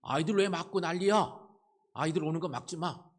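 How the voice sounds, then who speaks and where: A man's voice: fairly high pitch, a little fast, pitched above the performer's own voice, lightly acted. A male preacher voicing Jesus as he welcomes the children, fond and coaxing. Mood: chiding.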